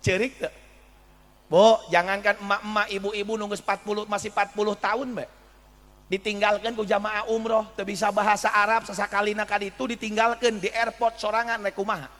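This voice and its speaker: A man preaching with animated, questioning energy, his voice high and bright. He speaks to a gathering, and a long hall reverb hangs behind every phrase. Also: fairly quick, soft background music. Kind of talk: sermon. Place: religious school gathering hall. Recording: echoey hall.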